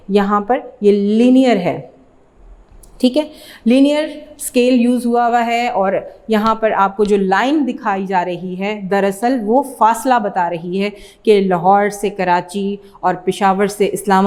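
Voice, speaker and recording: A woman teacher gives a patient classroom lesson to young students. She explains each term step by step and repeats key words. She often checks in with a quick "okay" as she moves along. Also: mid-range voice, darkish tone. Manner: often checks in with "theek hai".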